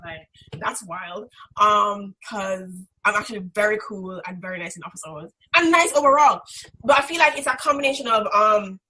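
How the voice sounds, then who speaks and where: A young woman from the Caribbean islands, a graduate student instructor, speaks candidly and emphatically in a reflective interview. Her medium-pitched voice moves at a moderate pace with a sharp, strident edge. The low-quality recording has background noise and clicks.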